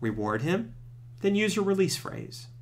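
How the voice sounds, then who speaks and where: Male presenter for scripted tutorial narration. Strongly varied intonation, pitch a touch above average, clear instructional delivery. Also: big pitch swings, unhurried, slight background noise. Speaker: presenter of puppy training tips.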